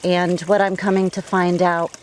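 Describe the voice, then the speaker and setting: A woman's voice: lowish voice, flat delivery, moderate pace, slight background noise, low-quality recording. A woman in her garden, slightly out of breath, giving chatty practical gardening tips with frequent fillers. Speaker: gardening vlogger. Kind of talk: casual outdoor garden tips. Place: outdoor garden.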